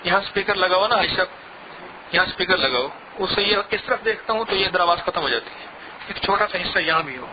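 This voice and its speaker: A man's voice: high-pitched, animated. Guy preaching a heartfelt sermon, keeps repeating himself and building up, slightly muffled recording, faint room hum. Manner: repetitive, pleading, swells in intensity. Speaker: spiritual lecturer. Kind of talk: emotional devotional sermon.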